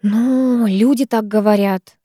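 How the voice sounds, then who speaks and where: A woman's voice: high voice, expressive, normal speed, darkish tone, no echo, voice pushed up. A woman voicing a hesitant, timid teenage girl in an audiobook, tentative and light, in a dry recording.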